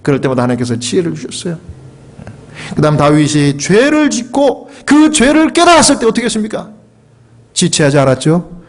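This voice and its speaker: Pastor, male, middle-aged, high and animated voice, emphatic sermon delivery in church. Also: brisk. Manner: emphatic preaching, acting out fervent prayers. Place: church sanctuary.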